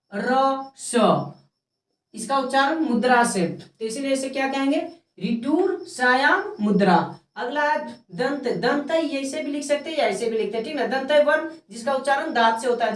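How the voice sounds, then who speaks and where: A woman's voice: high voice, echoey room, distant mic. A woman teacher explaining grammar, repeating terms and asking herself questions aloud as she goes. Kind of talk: grammar lesson explaining sounds.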